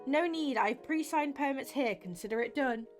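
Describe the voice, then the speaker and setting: A woman's voice: sits high, normal speed, faint music behind, close to an everyday voice. A woman playing a curt, touchy police dispatcher. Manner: curt and prickly.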